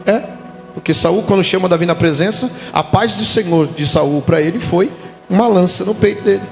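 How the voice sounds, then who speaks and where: A man's voice: sits high, brisk, gravelly. A man from Brazil, a pastor preaching a sermon at a conference, telling stories and acting out quoted voices. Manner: animated storytelling with voiced quotes. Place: church conference hall. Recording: reverberant hall with music behind.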